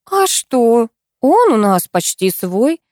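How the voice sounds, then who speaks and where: Woman doing a brisk, scheming young colleague. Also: on the high side, very animated, darkish tone, dry recording, studio quality, voice pushed up. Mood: persuasive. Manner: brisk, persuasive.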